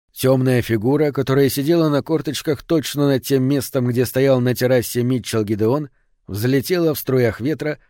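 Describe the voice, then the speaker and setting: A man narrating an audiobook in an even, measured reading voice. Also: mid-range voice, no echo, studio quality. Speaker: audiobook reader.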